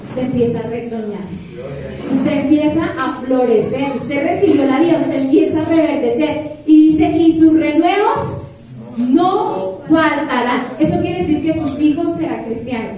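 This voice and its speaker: A middle-aged woman preaching a sermon in a lively way, with playful asides and lists that she half sings. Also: sits high, moderate pace, a crowd in the background. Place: church hall. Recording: very echoey hall, far from mic.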